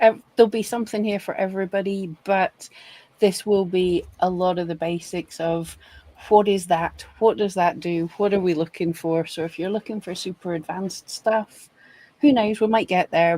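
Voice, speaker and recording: A woman with a Scottish accent co-hosting a live webinar in casual chat, quick with asides and laughing often. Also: mid-range voice, mellow, no room sound, low-quality recording. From Scotland. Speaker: webinar co-host.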